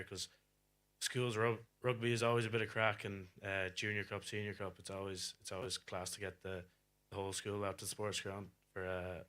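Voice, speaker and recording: Young galway irish lad in a casual interview, deep voice, bright tone, pretty flat. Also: male voice. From Galway, Ireland. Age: young adult. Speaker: professional rugby player, interview guest.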